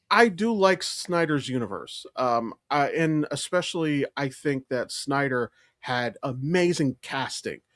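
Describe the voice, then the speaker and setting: A podcast co-host, a man, chats casually about pop culture, sharing strong opinions in an animated, emphatic way and swearing plenty. His voice is mid-range, and the studio recording is clean with no room sound.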